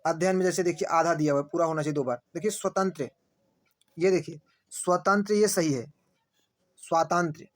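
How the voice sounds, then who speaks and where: A male teacher running an exam-prep lesson, repeating each answer and asking quick rhetorical checks. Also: fairly high pitch. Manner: points at screen, says "dekhiye".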